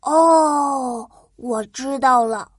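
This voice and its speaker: Stubborn little storybook kid, very high and whiny, done by a woman. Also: extremely slow, dry recording, clean studio sound, heavily acted. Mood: curious. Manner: whiny, bouncy. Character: playful stubborn little child. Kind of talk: children's storybook narration.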